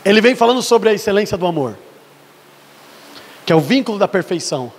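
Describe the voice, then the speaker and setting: A man's voice: sits high, animated, fairly quick. A male pastor from Brazil in his thirties preaching a sermon, his delivery rising and falling in intensity. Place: church hall. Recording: husky voice in a reverberant church hall.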